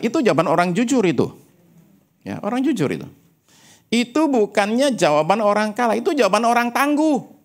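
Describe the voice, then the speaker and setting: Animated male pastor preaching. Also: on the high side. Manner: animated preaching with frequent rhetorical asides; mixes English phrases into his speech. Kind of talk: sermon.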